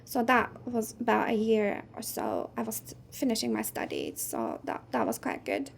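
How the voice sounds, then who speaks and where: A native Turkish speaker in her thirties, a game producer appearing as a guest, chats casually in an interview over a video call. She sounds easy, thoughtful and soft-spoken, pausing often on "um," her fairly high voice swooping wildly and dropping into gravelly fry at phrase ends. A faint hiss runs underneath.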